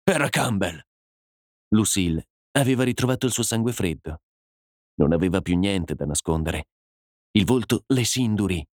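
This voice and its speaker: A man narrating a dramatic story as an audiobook, in a measured, dramatic way. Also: deep voice, expressive, a little mellow, no echo, studio quality.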